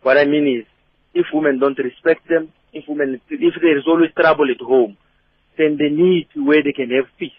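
A man's voice: fairly high pitch, steady tone, normal speed, no room sound. A man from Congo with a Congolese accent, calling a radio phone-in and explaining his opinion insistently, often checking that he is understood. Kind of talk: emphatic opinion on a call-in show. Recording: dull lo-fi phone call on radio.

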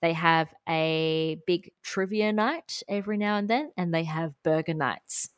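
A woman with an Australian accent co-hosts a podcast, telling a story in a chatty, giggly way. Her voice sits fairly low. The recording is dry and close, with no room sound. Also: measured pace, smooth, no room sound. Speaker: podcast co-host. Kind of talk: casual chat.

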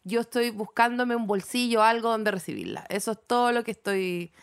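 Joking Chilean woman, fairly high voice. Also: brisk, gravelly, clean tone. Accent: Chilean Spanish. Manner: joking, deadpan self-mockery. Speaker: podcast co-host. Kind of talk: casual comedic chat.

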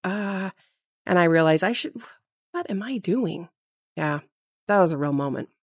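A woman's voice: on the low side, a little slow, husky, no echo, clean studio sound. A woman in her forties, a podcast guest telling stories in casual chat, laughing at herself. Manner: animated, self-mocking storyteller who laughs at herself.

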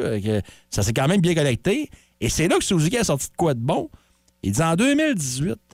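A morning radio co-host with a Quebec French accent gives a chatty sports report into a studio microphone. Her deep, slightly mellow voice is dry in the recording, and she talks briskly, stumbling over frequent fillers.

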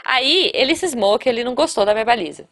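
A woman's voice: a little high, fast. A woman from Brazil, a podcast co-host in casual chat, telling a story and acting out the people in it. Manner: animated storyteller, acts out shouted quotes.

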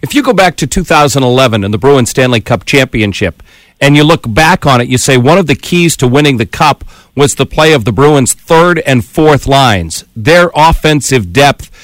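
A man hosting a sports radio show, laying out points in a steady, explanatory way. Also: mid-range voice, normal speed, no echo. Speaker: radio host.

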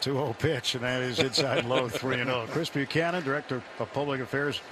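Male baseball commentator, medium pitch, measured short phrases, live booth broadcast, clear outdoor background noise. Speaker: baseball radio play-by-play announcer. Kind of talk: live sports commentary mixed with booth interview.

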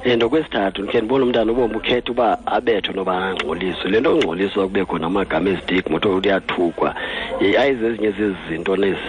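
A man's voice: lowish voice, very fast. A man with a Xhosa accent, calling in to a radio show to ask questions. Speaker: radio phone-in caller. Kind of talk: asking questions on a live call-in. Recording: phone call with crowd noise behind.

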